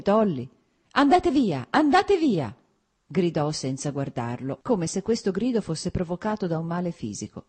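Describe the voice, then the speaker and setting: A woman narrating a classic novel as an audiobook, in an expressive, measured reading. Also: low voice, husky.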